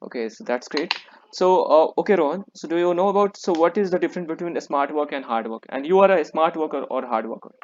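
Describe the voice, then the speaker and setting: A male interviewer on an online admissions call, his voice slightly high and muffled by a lo-fi line. He asks questions haltingly, with lots of uh's in between. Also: slight background noise. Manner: halting, many fillers. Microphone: computer microphone on a video call.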